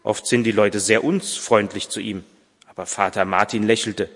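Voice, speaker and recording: A pastor reading a story aloud in a church service, measured and a little hesitant when speaking freely. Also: male voice, on the low side, fairly even intonation, a bit bright. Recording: long church reverb, distant mic.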